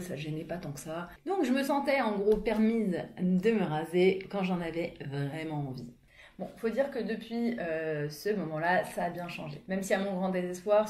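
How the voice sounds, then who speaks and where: A young woman talks straight to the camera in a casual vlog, frank and chatty with plenty of fillers. Her voice sits on the low side for a woman. The sound carries a noticeable room echo. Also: darkish tone. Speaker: vlogger. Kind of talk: casual explanatory vlog monologue. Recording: echoey room.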